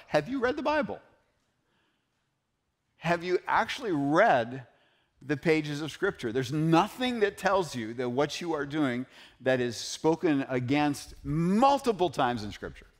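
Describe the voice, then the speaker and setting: Earnest man preaching a sermon. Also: medium pitch. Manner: earnest preaching, quotes scripture, rises in emphasis. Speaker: pastor. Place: church sanctuary.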